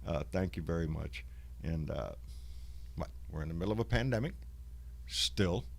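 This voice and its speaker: A man's voice: low voice, expressive, normal speed, gravelly. A man with a Southern US accent and a folksy drawl, hosting a casual livestream chat with salty language. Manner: salty, profane. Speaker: host of a live online show.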